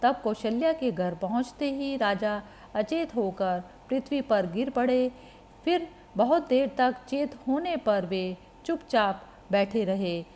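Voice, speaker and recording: Slow, measured woman narrating scripture. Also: on the high side, animated, a little mellow, slight background noise.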